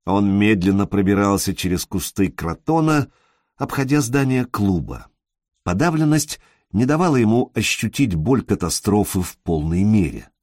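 A man narrating a literary audiobook, measured and expressive with dramatic pauses. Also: fairly low pitch, dry recording, clean studio sound.

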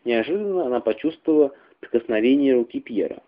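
A man reading a literary story aloud in a measured, expressive way. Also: mid-range voice. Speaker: reader. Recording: tinny phone-like radio recording.

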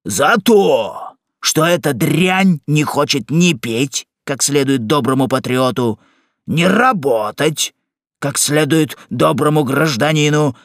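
A man's voice: fairly high pitch, animated, takes it slowly, no room sound, studio quality. A man voicing a coarse, drunken male cobbler-jailer who bullies and snarls in an audiobook. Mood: surly. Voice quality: growling, coarse. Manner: bullying, shouting. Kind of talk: audiobook character reading.

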